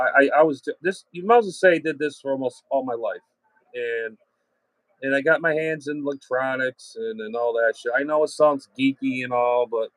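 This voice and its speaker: A man with a mid-range, slightly bright voice rambles casually as an amateur radio hobbyist and channel host. He's plain-spoken and salty, often trailing off and circling back. The recording is dry and rough.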